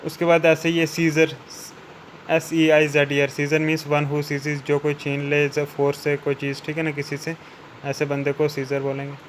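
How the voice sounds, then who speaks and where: A man with a fairly high, flat, even voice talks through word meanings as a vocabulary teacher. He often checks in with a quick "theek hai na" and slows down when he reads out the English definitions. A faint hum of air conditioning runs underneath. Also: low-quality recording. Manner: repeats "ठीक है ना" after each point, slows down for English definitions. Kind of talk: explaining word meanings in Hindi.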